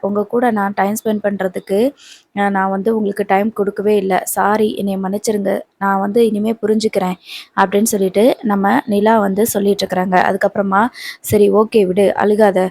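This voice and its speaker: Fast-talking woman retelling a serial promo. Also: medium pitch, a little mellow, no room sound. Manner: rapid storytelling, quoting characters' lines with little change of voice. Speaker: TV serial reviewer.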